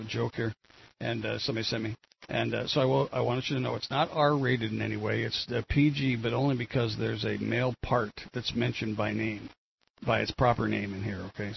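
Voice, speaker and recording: A gravelly-voiced man hosts a radio talk show, rambling along in easy chat with plenty of restarts. The broadcast sound is dull and lo-fi, with a faint hiss of noise behind him. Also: on the low side.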